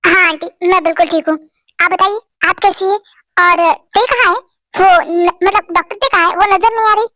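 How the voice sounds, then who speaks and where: A woman's voice: very high voice, steady tone, a little fast, sharp tone, no room sound, clean studio sound. A woman voicing a shy, flustered young woman employee who stammers. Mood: chatty. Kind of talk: Hindi fan-story voice acting.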